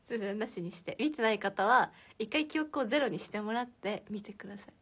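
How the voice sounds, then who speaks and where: A woman's voice: mid-range voice, fairly quick, slightly rough. A young woman hosting a casual livestream from indoors, chatting and giggling as she reacts to viewer comments. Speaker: idol livestream host.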